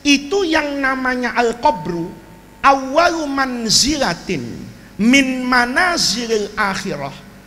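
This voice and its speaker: A man's voice: extremely high pitch, slow pace. A man preaching a humorous sermon, telling stories with jokes and asides to the congregation. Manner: animated storytelling with jokes, frequent asides to the audience. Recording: reverberant hall, faint ambient noise.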